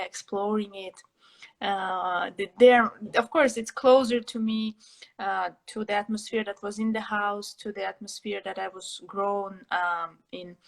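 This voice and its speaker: A young woman from Russia, an interview guest who answers thoughtfully, pausing to find her words. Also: medium pitch, fairly bright tone, low-quality recording. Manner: reflective, pauses to find words.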